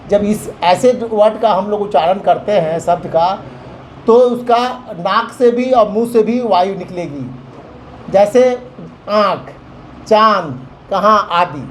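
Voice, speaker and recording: A man's voice: sits high, darkish tone, a little hiss or hum, rough recording. A man teaching a grammar lesson to children, explaining step by step with examples.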